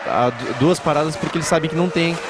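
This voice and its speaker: A man's voice: fairly high pitch, very fast, a crowd in the background. A Brazilian man giving live motorsport commentary as an analyst, explaining strategy in a conversational way. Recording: loud engine and track noise. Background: race cars and track ambience.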